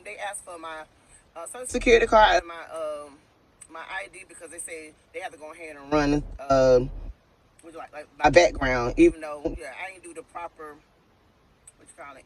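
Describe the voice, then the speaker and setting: A woman's voice: sits low, brisk, rough recording. Chatty woman nurse telling a story. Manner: emphatic, chatty, addresses viewers as y'all. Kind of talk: casual storytelling vlog to viewers.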